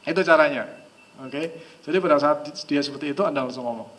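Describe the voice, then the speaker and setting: A man giving a live training seminar, his voice bright and slightly high. He talks in a lively, chatty way and sometimes drops to a low, soft voice to demonstrate. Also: fast talker. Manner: lively, chatty, acts out quoted dialogue. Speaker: hypnosis trainer.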